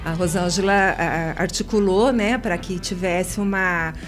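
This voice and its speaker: A woman from Brazil, a radio interview guest who tells lively anecdotes, laughs often and acts out the people in her story. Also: fairly low pitch, a little slow, soft background music. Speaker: interview guest, writer and singer.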